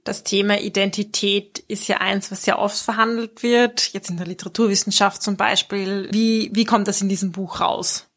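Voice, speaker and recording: Woman host with a flat, even voice. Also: medium pitch. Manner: even, measured questioning. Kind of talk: conversational book discussion.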